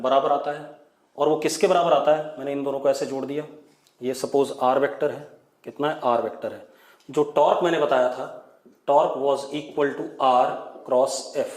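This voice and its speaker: A man's voice: fairly high pitch, echoey room. A man teaching a physics class online, asking students questions and repeating key words as he writes. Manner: mixes Hindi with English dictation.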